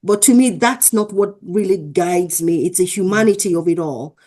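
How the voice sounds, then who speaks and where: A woman's voice: lowish voice, moderate pace, mellow. Woman from Africa telling classroom stories. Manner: earnest, acts out quoted dialogue. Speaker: guest, associate professor. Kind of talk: interview, conversational storytelling.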